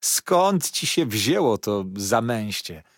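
Kindly plump nursemaid in a storybook, read by a man: warm, slow, emphatic, a little husky. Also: medium pitch, big pitch swings, no room sound, studio quality, exaggerated voice. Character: kind plump middle-aged nursemaid woman.

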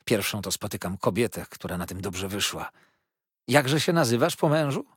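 A man's voice: fairly low pitch, sing-song, moderate pace, fairly bright tone, husky, dry recording, full character voice. A man reading an audiobook voices a stern, brusque older aunt who speaks in a dry, commanding way.

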